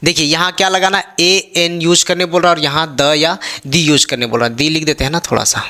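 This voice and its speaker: A male teacher works through a Hindi grammar lesson classroom-style, drilling his students by firing off rhetorical question after rhetorical question. His voice sits fairly high and sounds sharp, with fairly even intonation and a fairly quick pace.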